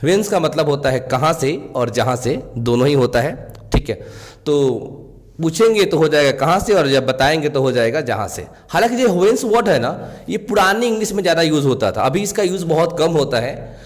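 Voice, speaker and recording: A man's voice: a little high, sing-song. Man teaching in a reverberant room. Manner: explains in Hindi, reads English examples slowly. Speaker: English teacher. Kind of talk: spoken English lesson.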